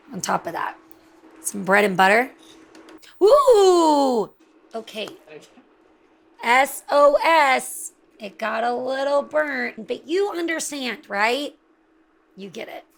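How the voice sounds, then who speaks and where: A woman's voice: mid-range voice, creaky, a bit bright. A woman hosting a home cooking show, chatting enthusiastically as she demonstrates a recipe. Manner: chatty and enthusiastic, exclaims over the food.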